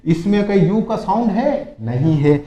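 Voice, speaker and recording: A male teacher with a fairly high voice explains a grammar rule slowly and patiently. He keeps asking his students rhetorical questions and repeats each point. The room around him rings with echo. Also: animated, dark tone, muffled recording. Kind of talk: classroom grammar lesson.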